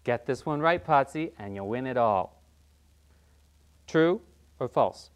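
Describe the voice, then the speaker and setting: A performer takes on the role of a cheerful quiz show host, rattling off questions and scores briskly in a scripted parody of a game show. The mid-range voice sounds animated and natural.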